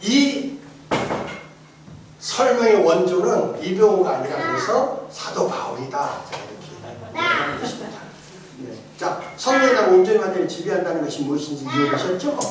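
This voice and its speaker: A middle-aged man, a pastor teaching his congregation, quizzing them with jokes and laughter, then building to emphatic shouted refrains. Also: sits high, big pitch swings, normal speed, noisy background. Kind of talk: interactive sermon teaching. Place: large church hall with congregation. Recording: echoey hall, distant mic, congregation audible.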